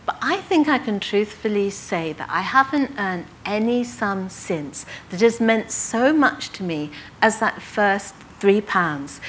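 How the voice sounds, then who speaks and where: Older english lady storytelling to a crowd, pitch bouncing all over, faint rumble behind. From England. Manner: lively, warm anecdotal storytelling with quoted dialogue. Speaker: author telling her life story. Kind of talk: storytelling talk to an audience.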